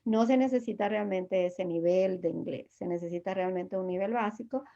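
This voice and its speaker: A woman's voice: mid-range voice, normal speed, vocal fry, dark tone, dull audio. A woman immigration lawyer giving patient, reassuring explanations as an interview guest, with many fillers and restarts.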